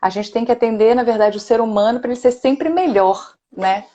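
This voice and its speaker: A woman's voice: on the high side, a little fast, lo-fi sound. A middle-aged woman hosting a casual online live chat as a speech therapist, enthusiastic and chatty, often tagging sentences with a questioning "né". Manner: warm, enthusiastic, many "né?" tags.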